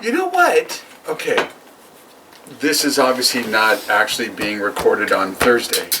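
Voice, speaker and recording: Male co-host, slow and joking in casual banter over drinks; distant mic, loud background noise. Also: medium pitch, very animated. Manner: joking, laughs often. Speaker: podcast co-host.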